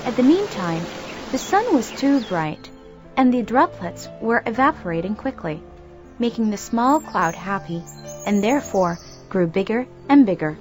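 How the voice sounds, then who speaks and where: Woman reading a kids story, really expressive, pitch moving all over, music playing behind. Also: a little slow. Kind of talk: children's story narration. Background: background music.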